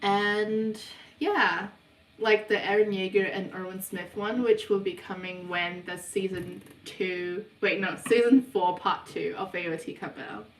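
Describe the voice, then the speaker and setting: A young woman from New hosts a casual livestream Q&A, reading viewers' questions aloud and answering in an unhurried, hesitant way with lots of ums. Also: medium pitch, fairly even intonation, far from the mic, a little hiss or hum. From New Zealand. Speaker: livestream host of a subliminal channel. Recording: roomy sound, voice away from the mic.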